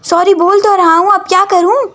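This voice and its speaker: A woman's voice: high-pitched, fairly even intonation, normal speed, faint music behind, close to an everyday voice. A woman voicing a cheeky young male university student who teases and pesters. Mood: teasing.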